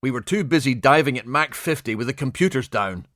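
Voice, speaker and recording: An irritable spaceship captain who snaps reproachfully and barks orders, from an audiobook, voiced by its male narrator. The delivery is dry and close, with lively rises in pitch. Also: brisk, dry recording, lightly acted. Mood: snappish. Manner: snapping, barked orders. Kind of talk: audiobook character voice.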